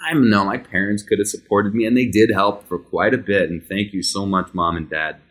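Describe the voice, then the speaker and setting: This is a man in his thirties, Hebrew his native language, recounting a personal story on his podcast with candor and a conversational feel. His lowish voice keeps a fairly even intonation, while his speed alternates between rushing and lingering.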